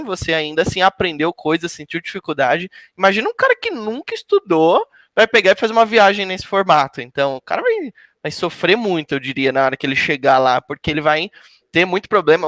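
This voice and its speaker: A man's voice: fairly high pitch, sing-song, fairly quick, fairly bright tone, dry recording. A Brazilian man hosting an interview in an explanatory way, who keeps adding little tag questions. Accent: Brazilian Portuguese. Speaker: host. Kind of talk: casual interview chat.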